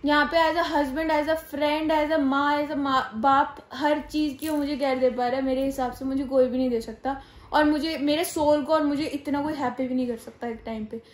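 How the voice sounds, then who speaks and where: Young pregnant woman vlogger, high voice, earnest and insistent, echoey room. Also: steady tone, moderate pace. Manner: earnest, emphatic, mixing in English phrases. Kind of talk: casual talk to camera.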